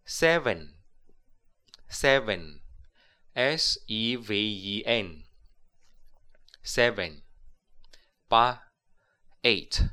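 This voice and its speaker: A man's voice: on the low side, sharp tone, smooth. A man giving a recorded English lesson, explaining patiently and spelling words out letter by letter. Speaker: English teacher.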